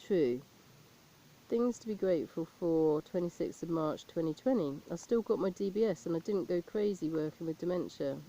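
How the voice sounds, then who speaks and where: A woman performing a deadpan comic monologue as a stand-up comedian, reeling off lists of jokes in a dry, flat delivery. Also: fairly low pitch, normal speed, low-quality recording. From abroad, not England. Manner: deadpan list-making delivery.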